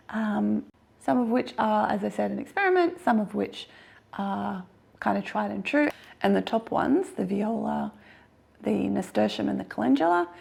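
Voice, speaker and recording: An Australian woman talks casually to camera in a husky, hoarse voice. Her delivery has a heavy gravelly fry running through it, at a middling pitch. She is chatty and self-deprecating, laughing easily between thoughts. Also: a little mellow. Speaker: gardening vlogger.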